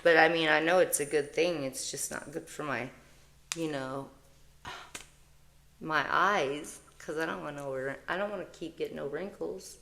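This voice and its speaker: Low-voiced rambling woman tarot reader. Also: gravelly, fairly bright tone, a little hiss or hum. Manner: rambling, emotional, self-interrupting; reads card text aloud slowly. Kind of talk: casual spiritual vlog chat.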